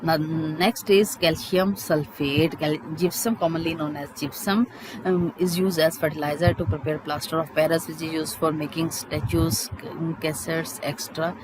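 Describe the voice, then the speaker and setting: A chemistry teacher explains textbook points in a halting way, repeating key terms as in a school lesson. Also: mid-range voice, steady tone, background noise.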